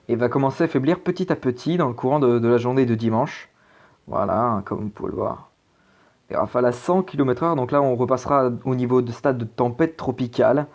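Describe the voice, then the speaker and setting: A man's voice: mid-range voice, highs cut off. A man talking through a weather forecast in a casual, hesitant way, with many fillers and restarts. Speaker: amateur weather presenter. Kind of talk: casual forecast commentary over weather maps.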